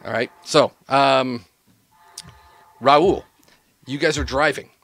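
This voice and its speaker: A man's voice: medium pitch, slow pace, creaky, fairly bright tone. A man narrating a tabletop role-playing game as game master, in a loose, casual way with plenty of fillers and swearing.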